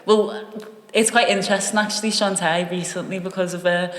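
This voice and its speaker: A woman's voice: lowish voice, steady tone, brisk. Young girl hosting, chatty and giggly, trails off a lot, roomy reverby sound. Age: young adult. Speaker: podcast host. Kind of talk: casual chat. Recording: echoey room with long reverb.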